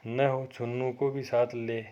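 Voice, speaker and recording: A man, a college lecturer, reading a story aloud to his class and explaining it, in a steady read-aloud manner with occasional self-corrections. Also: mid-range voice, unhurried, dull audio.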